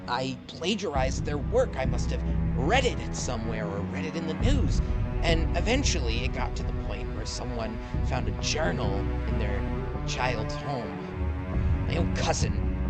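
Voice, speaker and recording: Halting, frightened writer played by a man, over loud music. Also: mid-range voice, animated, close to an everyday voice. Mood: aggrieved. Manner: halting, stammering. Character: frightened, discredited male writer pleading for his life. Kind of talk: improvised tabletop role-play.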